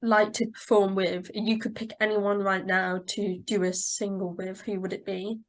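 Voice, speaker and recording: A woman's voice: mid-range voice, flat delivery, moderate pace. A woman hosting a radio interview, asking friendly, chatty questions over a video call. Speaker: radio host. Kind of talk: casual interview chat.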